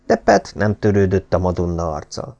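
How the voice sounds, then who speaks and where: Gravelly, expressive male audiobook narrator. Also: sits low, highs cut off. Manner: expressive storytelling. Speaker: audiobook reader. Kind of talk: scripted narration.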